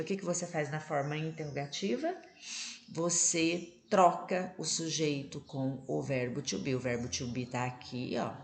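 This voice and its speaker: A Brazilian woman teaches a recorded online lesson in a somewhat low voice with a gravelly edge. She explains step by step and keeps checking that her students are following along. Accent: Brazilian Portuguese. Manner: explains patiently, checks in constantly. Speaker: English teacher.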